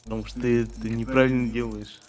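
A man's voice: medium pitch, little pitch movement, quick pace, a little mellow. A man chatting casually as he follows along with a game, often stammering and repeating words. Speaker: gaming companion off camera. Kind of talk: casual chat over a game. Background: game music.

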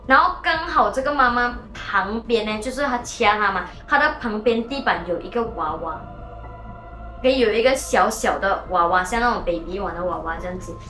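A woman hosting a show and telling a ghost story casually, animated and mixing in English words. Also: mid-range voice, brisk. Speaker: host and storyteller. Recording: echoey room with faint music.

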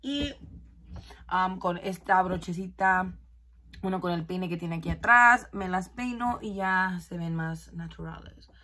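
In a small bedroom, a beauty vlogger in her 20s does a casual get-ready-with-me chat, moving back and forth between English and Spanish. She speaks unhurriedly in a fairly low voice that sounds pushed and bright.

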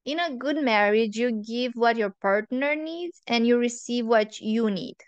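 A woman hosting a relationship advice monologue, earnest and opinionated, laying out her points in measured lists. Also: on the high side, clear, resonant tone, no room sound, muffled recording.

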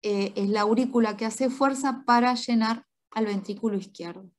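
A woman doctor giving a spoken medical lecture, explaining step by step and checking in with quick tag questions. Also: a little high.

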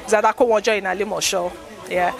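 A woman's voice: medium pitch, fairly even intonation, quick pace, vocal fry. A Nigerian woman who owns a salon, answering questions politely and a little shyly while showing guests around. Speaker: salon owner. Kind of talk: guest interview on a salon tour. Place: busy salon during a launch event. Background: loud music and crowd.

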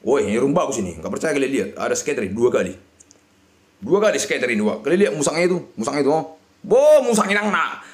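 A man, shouting and muttering over a slot game as he streams it. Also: mid-range voice, sing-song, fast talker. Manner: shouting and chanting at the reels, swinging between yelling and mutters. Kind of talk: excited live slot-game commentary.

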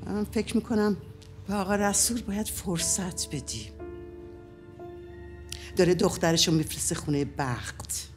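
An actor playing a wise uncle who gives calm, gentle advice and recites poetry. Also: male voice, high-pitched, pauses often, soft background music, close to an everyday voice. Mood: soothing.

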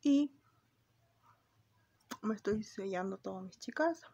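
Chatty, breathy Mexican woman vlogger. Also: mid-range voice, animated, takes it slowly, mellow, no room sound, lo-fi sound. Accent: Mexican Spanish. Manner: chatty, confiding, often calls viewers "my girls". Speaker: beauty vlogger. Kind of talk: casual chat while doing makeup.

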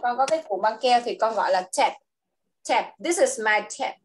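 A woman with a Vietnamese accent teaching English words to a child one-on-one, drilling each word patiently and switching to quicker speech to explain. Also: a little high, expressive. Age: adult.

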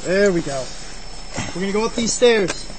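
A male police officer with a high voice gives short, insistent commands. The bodycam recording is clearly noisy. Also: lively intonation, normal speed. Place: outdoors at night. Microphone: body camera.

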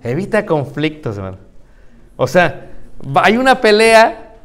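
A young man preaching, lively, acting out church members in little voices. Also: high-pitched, measured pace. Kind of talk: lively sermon to young people. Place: church hall.

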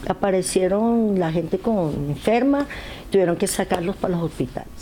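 A woman's voice: mid-range voice, normal speed, mellow, a little hiss or hum. An older woman giving interview testimony indoors, speaking hesitantly with many fillers and restarts. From Colombia and Venezuela. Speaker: interviewee, aid volunteer. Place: living room indoors.

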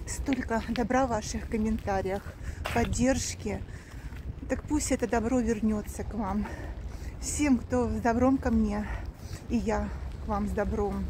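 Woman, 50s, chatty vlogger speaking to camera outdoors, phone at arm's length, fairly high voice, noisy outdoor recording. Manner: chatty, talks straight to viewers, earnest. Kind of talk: casual walking vlog. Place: outdoors, street and cemetery.

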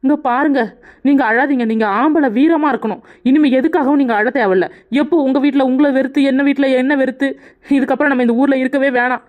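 A woman's voice: high-pitched, steady tone, quick pace, muffled recording, lightly acted. A woman voicing a pregnant young wife in a cartoon, consoling her husband and firm. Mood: determined. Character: pregnant young wife, wounded but determined.

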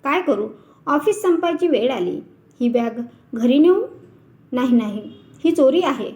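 A worried, honest office clerk who talks in hushed, torn tones, as a woman storyteller puts him on. The voice sits high and bright. It is read as part of a storybook tale. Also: lively intonation, unhurried. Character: struggling honest middle-class male clerk, anxious.

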